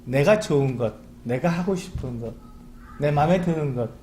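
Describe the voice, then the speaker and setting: A man's voice: fairly high pitch, lively intonation, moderate pace, a little mellow, a little hiss or hum. A man preaching a Sunday sermon as pastor, asking rhetorical questions and acting out little pleas in a chatty way. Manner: acts out quoted pleas to God. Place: church sanctuary.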